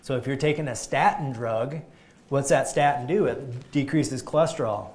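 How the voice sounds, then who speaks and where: A chiropractor gives an energetic live health talk to a group at normal speed and medium pitch. He's emphatic and often restarts his sentences.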